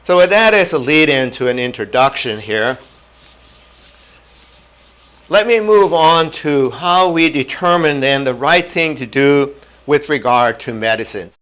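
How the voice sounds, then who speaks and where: With an expressive, fairly bright, medium-pitched voice, an older lecturer from North Dakota whose native language was German teaches medical ethics indoors at a whiteboard. A lapel mic picks up his measured, down-to-earth delivery full of homely illustrations.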